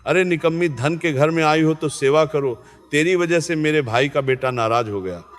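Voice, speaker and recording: A man's voice: a little high, normal speed, close to an everyday voice. A man voicing a harsh, domineering older mother-in-law who scolds and taunts, in a story read aloud. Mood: taunting. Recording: long reverb, faint music behind.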